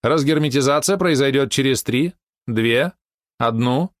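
A man voicing a shrill, bossy female AI hologram aboard a warship in a storybook reading. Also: measured pace, dry recording, clean studio sound, close to an everyday voice. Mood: announcing. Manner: shrill, commanding announcements.

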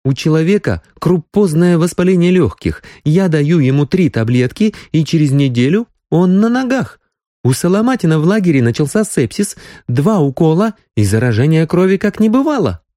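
An anxious young woman doctor presses hard for the truth, voiced by a male audiobook reader. She sits well above his usual pitch, with a lively, swinging melody. The recording is dry and close. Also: moderate pace, dry recording. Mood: insistent. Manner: pleading, pressing. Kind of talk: audiobook character voicing.

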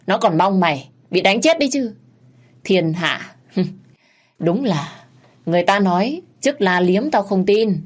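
A woman voicing an angry, violent village man shouting threats. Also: mid-range voice, pitched above the performer's own voice, natural voice.

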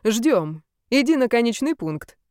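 A woman voicing an arrogant, quick-tempered young man who talks in a curt, sneering way. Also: a little high, big pitch swings, a little mellow, clear, resonant tone, no echo, studio quality, pitched above the performer's own voice. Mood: bossy.

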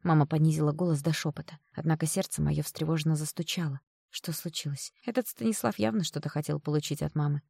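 Low-voiced woman narrating an audiobook. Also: vocal fry, slightly rough, no echo, studio quality. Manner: even, measured storytelling. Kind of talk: first-person audiobook narration.

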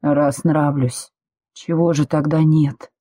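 A woman voicing a strong male prisoner who murmurs in a low, hushed, teasing way. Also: steady tone, measured pace, husky, dry recording, clean studio sound. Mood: mocking.

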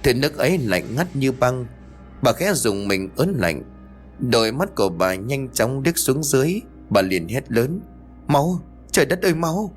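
A man narrating a ghost story in a suspenseful, expressive way, with faint music behind. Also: mid-range voice, a little slow.

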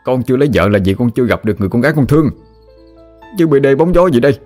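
A man's voice: medium pitch, animated, rapid-fire, a little mellow, soft background music, pitched above the performer's own voice, lightly acted. A man with a Southern Vietnamese accent voicing an exasperated grown son who protests against his father. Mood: protesting. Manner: protesting, raised voice.

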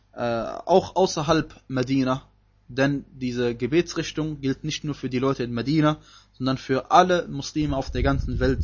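A man's voice: mid-range voice, muffled recording. A man teaching a Quran commentary lesson, explaining emphatically and reciting Arabic verses between his points.

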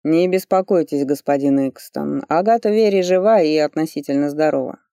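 A man's voice: on the high side, dark tone, clear, resonant tone, dry recording, clean studio sound, close to an everyday voice. A reader doing a stern commanding nobleman. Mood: cool, probing. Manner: curt, authoritative, slow deliberate orders. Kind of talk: audiobook character voice.

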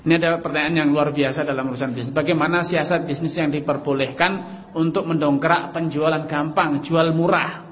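A man's voice: fairly high pitch, steady tone, fairly quick, fairly bright tone. A male preacher, answering audience questions in a religious lecture and acting out little dialogues in shifting voices. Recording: long hall reverb.

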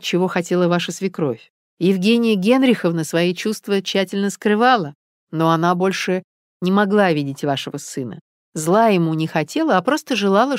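A woman reading a calm male detective who lays out his reasoning in a measured way. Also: mid-range voice, no room sound, studio quality, voice pushed up, natural voice. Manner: measured, explaining.

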